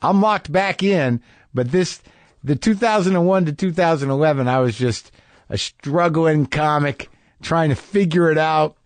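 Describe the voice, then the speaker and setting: A man's voice: a little high, normal speed, no echo. A middle-aged man hosting a podcast, talking casually in a rambling, wry, self-deprecating way. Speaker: podcast host. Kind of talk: casual conversational monologue and interview.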